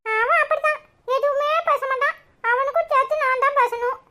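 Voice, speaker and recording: A woman's voice: very high-pitched, steady tone, sharp tone. A woman voicing a small, talkative, cheeky boy in a cartoon, speaking Tirunelveli Tamil in a piping voice. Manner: cheeky, quick-witted, talks in a piping voice. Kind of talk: cartoon voice acting.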